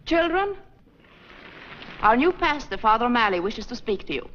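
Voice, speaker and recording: An actress playing a dutiful nun who runs a parish school, born in Sweden and raised in Minnesota, speaking in a prim, brisk way. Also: female voice, a little high, sing-song. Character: proper, dutiful female nun running a school. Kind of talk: 1940s film acting. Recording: dull, slightly hissy 1940s film soundtrack.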